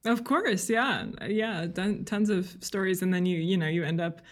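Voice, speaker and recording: Here a woman with a lowish voice talks at a moderate pace as a podcast guest. A freelance journalist, she keeps the conversation casual, sounding thoughtful and a little hesitant as she builds to her point.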